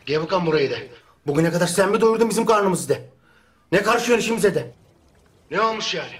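An actor playing a municipal worker whose announcement and complaints go out over a public loudspeaker. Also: male voice, high-pitched, animated, a little fast. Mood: grumbling. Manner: formal announcing, then grumbling loudly. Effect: heard over a public loudspeaker. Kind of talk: TV comedy drama acting.

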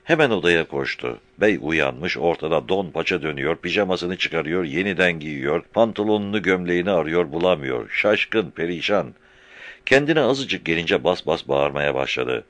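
A man reading a novel aloud as a narrator in measured, unhurried storytelling. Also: low-pitched, animated, fairly bright tone, dry recording. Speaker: audiobook narrator. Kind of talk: scripted literary narration.

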